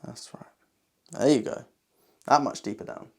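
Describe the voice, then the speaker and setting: A man giving a hypnotic induction in a slow, soothing hypnotist voice, repeating calming phrases with pauses. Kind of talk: hypnotic induction, guided relaxation.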